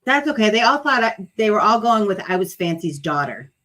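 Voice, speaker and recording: A woman's voice: mid-range voice, sing-song, a little fast, a bit bright. A woman in casual chat, speaking playfully and teasing.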